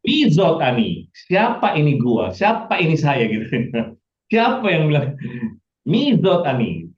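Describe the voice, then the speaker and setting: A man's voice: a little high, wildly swooping pitch, takes it slowly. A man teaching a Hebrew lesson online, acting out dialogue lines in playful voices. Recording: echoey, dull lo-fi audio.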